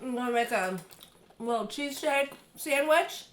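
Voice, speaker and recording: Echoey, high-voiced woman chatting while chewing. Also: animated, unhurried. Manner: talks while eating, with chewing and savouring murmurs. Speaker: vlog co-host. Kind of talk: casual mukbang chat to viewers. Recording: echoey room with background noise.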